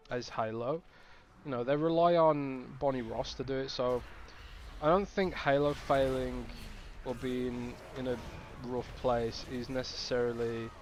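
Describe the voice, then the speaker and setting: A man's voice: mid-range voice, slight background noise. Rambling male game streamer. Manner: rambling, thinking aloud with fillers. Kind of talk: casual stream chat.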